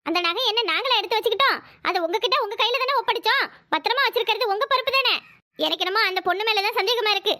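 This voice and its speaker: A woman's voice: very high voice, rapid-fire, bright, forceful tone. A woman voicing the groom's proud, wealthy mother in a cartoon, speaking curtly and with a superior air. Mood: accusing.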